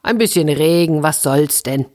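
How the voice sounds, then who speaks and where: A woman's voice: low voice, normal speed, darkish tone, close to an everyday voice. A woman voicing careless robbers counting stolen money, in a dismissive, offhand manner.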